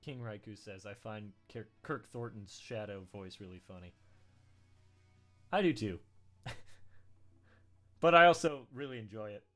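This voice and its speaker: Man, lowish voice, casual gaming stream host, game music behind. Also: measured pace, pauses often, sharp tone. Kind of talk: casual chat while gaming, reading viewer comments.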